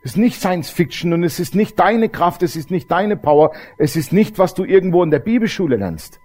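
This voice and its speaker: A man's voice: high-pitched, lively intonation, fairly quick, a little mellow. A middle-aged man, preaching a testimony sermon and telling his story straight to the congregation. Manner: storytelling, addresses the audience directly.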